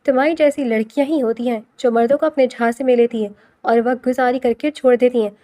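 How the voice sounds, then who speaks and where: A woman's voice: a little high, steady tone, warm tone, no room sound, studio quality, close to an everyday voice. A woman voicing a proud young man, an older brother turning cold and threatening.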